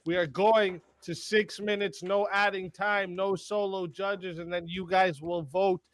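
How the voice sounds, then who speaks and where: A man's voice: sits high, flat delivery, measured pace, dry recording. Hyped male debate moderator, dry sound. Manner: hyped, announcer-like. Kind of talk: announcing debate rules to a stream chat.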